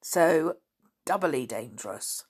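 A woman voices a steady, sensible boy who leads his friends, reading the storybook slowly in a low, husky voice. Her portrayal is exaggerated, though the boy himself sounds calm and reasoning.

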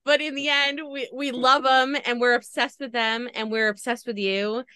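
Effusive female host, smooth resonant voice, dry recording. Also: a little high, fairly even intonation, normal speed, bright, forceful tone, no room sound. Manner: gushing, effusive. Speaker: podcast host. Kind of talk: emotional interview chat.

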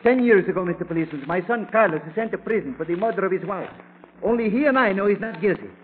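A man's voice: high-pitched, animated, quick pace, slight background noise. An actor playing a distraught old immigrant father who speaks broken English, in an old radio drama. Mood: pleading. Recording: tinny old radio broadcast.

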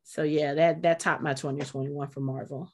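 A woman's voice: low-pitched, steady tone, moderate pace. A middle-aged woman co-hosting a podcast, chatting casually and emotionally, with many fillers and restarts. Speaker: podcast co-host.

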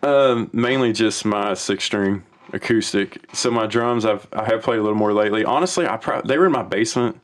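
A man's voice: on the low side, brisk, hardly any pauses. Laid-back man rambling about music. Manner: rambling and relaxed, with frequent restarts. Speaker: podcast guest, home-recording musician. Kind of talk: casual chat.

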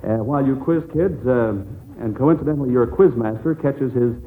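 Heard on a muffled, narrow-band vintage radio recording, an American quizmaster runs a 1940s children's quiz in a folksy, encouraging way. His voice is mid-range and mellow, at a normal speed.

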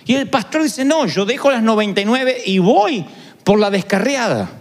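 High-voiced animated male preacher, echoey hall. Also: moderate pace. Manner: animated preaching, acting out people's quoted words. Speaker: pastor. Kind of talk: sermon. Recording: echoey hall with long reverb.

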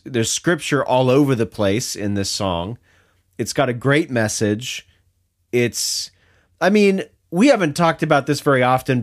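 Man musing aloud on a podcast. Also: medium pitch. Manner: musing, thinks aloud with restarts. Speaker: podcast co-host. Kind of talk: casual chat.

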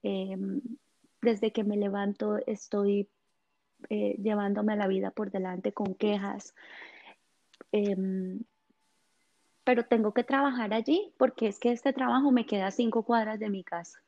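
Woman guest talking slow and gentle, lots of ums, gravelly voice, kinda dull lo-fi sound. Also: mid-range voice, steady tone. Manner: gentle, hesitant, many fillers. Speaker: guest on chakras and essential oils. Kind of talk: casual explanatory talk.

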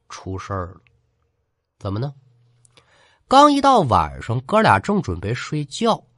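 A man telling a ghost folk tale in an animated, colloquial way, speaking straight to the listener. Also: medium pitch, no room sound, studio quality. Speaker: storyteller. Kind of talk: spoken folk-tale storytelling for a ghost-story podcast.

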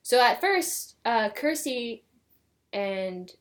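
A woman chats her way through a recap of a tabletop game, her high voice rising and falling in lively swoops. She rambles, stacks up fillers and corrects herself as she goes. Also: drawn-out words. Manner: rambling, full of fillers and self-corrections, laughs often. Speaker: podcast co-host recapping a game session. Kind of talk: casual chat retelling a tabletop game story.

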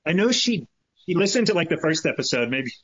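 A man's voice: a little high, big pitch swings, brisk, a bit bright, no room sound. A man co-hosting a podcast, chatting casually, laughing often and joking loosely. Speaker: podcast co-host. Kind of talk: casual chat. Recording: dull lo-fi sound with faint music.

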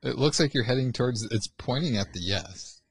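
A man co-hosting a podcast, reacting with quick casual quips. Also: mid-range voice, expressive, slightly rough, no echo. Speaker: podcast co-host. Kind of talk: casual banter.

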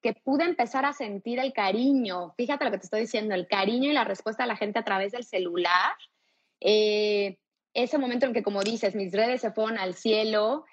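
A woman's voice: on the high side, moderate pace, slightly rough, muffled recording. A woman from Mexico with a Mexican Spanish accent, a fitness coach talking candidly and energetically as a guest in an interview, swearing freely. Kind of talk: casual interview talk.

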